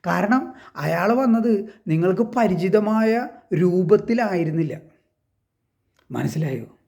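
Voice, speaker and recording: A man with a notably high voice talks straight to his viewers in a loose, casual monologue. He retells a story step by step, pausing to ask whether they follow. He often poses questions and then answers them himself. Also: animated, vocal fry, a little mellow. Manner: rhetorical, keeps asking if listeners understand. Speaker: online commentator.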